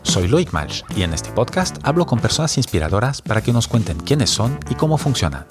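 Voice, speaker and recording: A man from France, a native French speaker, hosting an interview podcast in a lively, hesitant way with many fillers. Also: medium pitch, a little fast, music in the background. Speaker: podcast host.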